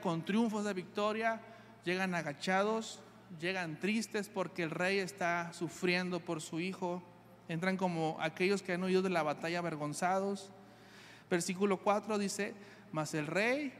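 A man's voice: high-pitched, a bit bright, slight background noise. A man preaching a sermon, reading scripture aloud and explaining it with earnest repetition. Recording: long hall reverb.

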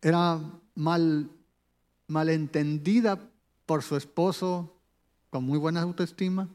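A high-pitched man delivering a sermon. He preaches conversationally, often turning to ask the listener questions. His voice carries a long reverb, as if filling a large hall. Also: steady tone, takes it slowly, a little mellow, clean tone.

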